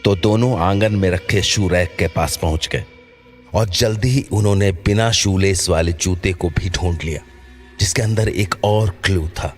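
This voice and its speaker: Narrating a scripted horror tale a little slowly, a man speaks in a very low-pitched voice as distinct music plays in the background.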